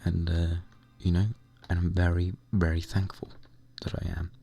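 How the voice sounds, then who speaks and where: A young man with a hoarse, croaky voice, chatting casually and rambling while playing a computer game. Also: sits low, completely flat delivery, normal speed, mellow, soft background music. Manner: rambling, chatty, mild swearing. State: hoarse, recovering lost voice. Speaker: gaming vlogger. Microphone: desk microphone at computer.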